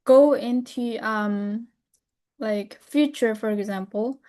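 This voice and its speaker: Slow, halting woman from North Korea, Korean native. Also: on the high side, dark tone. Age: young adult. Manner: careful and halting, frequent fillers and self-corrections. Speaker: webinar speaker. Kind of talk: presentation over a video call.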